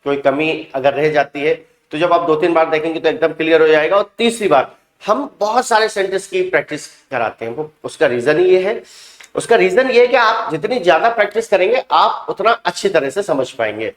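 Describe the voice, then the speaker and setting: High-voiced man teaching English grammar. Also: animated, echoey room. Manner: explains slowly, repeats example sentences with emphasis. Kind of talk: spoken grammar lesson.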